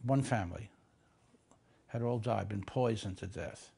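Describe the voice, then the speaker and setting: Gravelly older man recounting a trial. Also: fairly low pitch, dark tone. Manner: measured, reflective, acts out quoted voices. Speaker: interviewee, lawyer recalling cases. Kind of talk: documentary interview storytelling.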